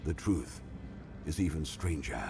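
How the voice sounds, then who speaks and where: A man's voice: extremely low pitch, lively intonation, measured pace, noisy background, full character voice. An actor voicing a shady, grandiose rumour-monger in a video game, knowing and dramatic in his storytelling. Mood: conspiratorial, dramatic. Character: shady, grandiose male underworld informant spinning rumours. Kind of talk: video game character dialogue.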